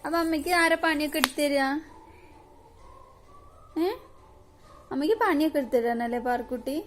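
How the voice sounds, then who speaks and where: A mother gently coaxing and questioning her crying toddler in a casual home video. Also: high-pitched, moderate pace, noisy background. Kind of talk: casual home video talk to a small child.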